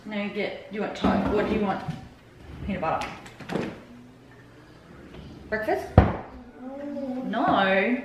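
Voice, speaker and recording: A woman's voice: mid-range voice, slow pace, pauses often, heavy background noise. A young woman vlogging at home as a mother, chatting casually and cooing to her toddler in sing-song tones. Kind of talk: casual vlog chat. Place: home kitchen and bedroom. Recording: roomy home audio with music behind.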